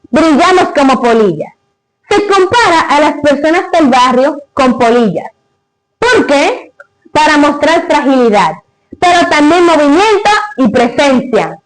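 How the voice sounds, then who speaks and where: A woman giving scripted educational narration, explaining didactically in short, deliberate phrases. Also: high voice, poor audio. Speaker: literature explainer.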